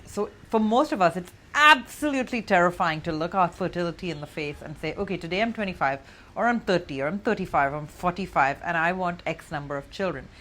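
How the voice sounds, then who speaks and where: A woman's voice: fairly low pitch, a bit bright. A young adult woman matchmaker giving earnest, direct advice to the viewer in a vlog.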